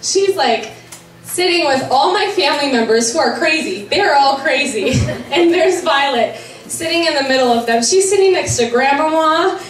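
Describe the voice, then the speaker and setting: A woman's voice: sits high, expressive, moderate pace. A woman in her twenties giving a laughing, emotional wedding toast at a reception. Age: 20s. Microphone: handheld microphone. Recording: echoey hall, distant mic, faint room noise.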